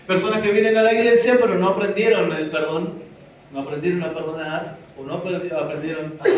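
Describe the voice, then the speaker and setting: A man's voice: sits high, slight background noise. A man preaching a sermon as pastor to his congregation, often speaking out the doubts and questions of his listeners. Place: church hall. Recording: very echoey church hall from far off.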